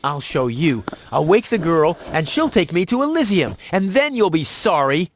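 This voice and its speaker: A man's voice: fairly high pitch, big pitch swings, normal speed, a little hiss or hum. An actor playing a cocky, boastful young male junkyard schemer in a video game, sarcastic and self-mocking. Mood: cheeky.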